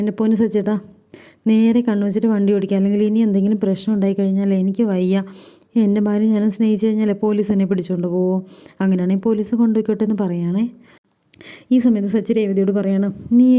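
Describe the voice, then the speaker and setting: A woman's voice: medium pitch, dark tone. A woman retelling a TV serial episode, reading the characters' lines within her story. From India. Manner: rapid storytelling, voicing characters' lines in quotes. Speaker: serial recap vlogger.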